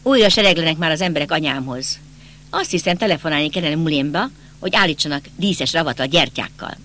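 A man reading an audiobook voices a bitter, agitated young count who presses and accuses in a bright, tense tone. His pitch jumps around with agitation, and his speech is raised, insistent and animated. Slight background noise can be heard.

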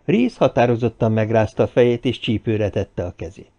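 A man narrating an audiobook in a steady, even storytelling manner. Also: lowish voice, vocal fry. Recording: dull lo-fi recording.

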